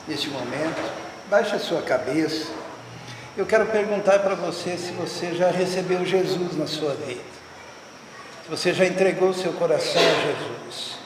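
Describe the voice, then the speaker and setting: A man preaching a sermon in fervent, emphatic repetitions and leading an altar call. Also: high voice. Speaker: pastor. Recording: echoey hall, distant from the mic, noisy.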